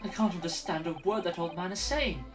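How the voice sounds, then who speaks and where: A man's voice: high-pitched, a little fast, over music, pitched above the performer's own voice, close to an everyday voice. A man voicing an earnest young defense lawyer in a courtroom video game. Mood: puzzled.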